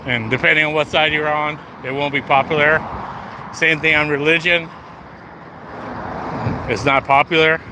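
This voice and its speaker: A man's voice: a little high, flat delivery, moderate pace, pauses often. A man livestreaming as he walks along a city street, joking and swearing as he talks straight to his chat. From United States. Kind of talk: casual walk-and-talk livestream. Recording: street traffic noise. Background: traffic and street noise.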